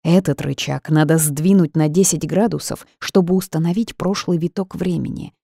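A woman voicing an anxious, caring old male ghost in an audiobook, speaking in a worried, hushed way. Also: sits low, steady tone, normal speed, gravelly, no room sound, clean studio sound. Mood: earnest.

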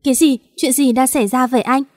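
Storybook heroine: distraught young pregnant woman, pleading, fairly high and mellow voiced by a female narrator. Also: a little fast, natural voice. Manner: pleading, breaking into sobs.

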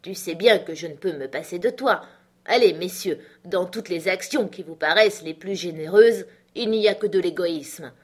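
A woman reading aloud puts on a boisterous middle-aged country doctor, a man full of bluster. He barks orders and laughs at his friends' gratitude. It comes as an audiobook character voice, lively and exclaiming. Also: on the low side, moderate pace, husky. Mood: jovial.

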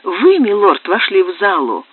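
A woman's voice: medium pitch, big pitch swings, measured pace, husky. A woman voicing a frightened lovesick young woman. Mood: pleading. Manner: pleading, exclaiming. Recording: tinny, narrow-band, dry.

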